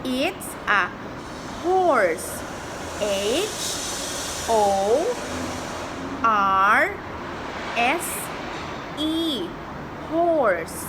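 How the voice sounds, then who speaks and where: Very slow, high, sing-song woman teacher. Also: very animated. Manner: sing-song, repetitive coaxing, as if talking to a small child; slow, spells words out letter by letter. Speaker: teacher of young children. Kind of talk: children's English vocabulary and spelling lesson. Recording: clearly noisy recording.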